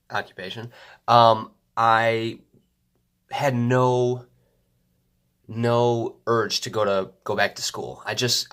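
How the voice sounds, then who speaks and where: A young vlogger with a fairly low, slightly bright voice chats casually to his camera at home. His nose is congested and stuffed up, and he rambles with lots of ums and restarts.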